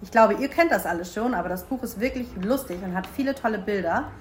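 A woman reading picture books aloud for young schoolchildren, in a bright, lively storytelling manner. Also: mid-range voice, quick pace, slight background noise.

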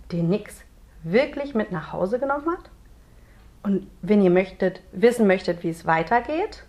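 A woman teacher from Hamburg presenting and reading a children's book aloud, telling the story expressively for young pupils. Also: mid-range voice. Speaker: primary school teacher.

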